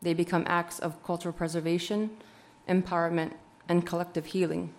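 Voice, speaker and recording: A woman councillor delivering a prepared formal speech in measured, rhetorical phrases. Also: fairly low pitch, flat delivery. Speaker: city councillor.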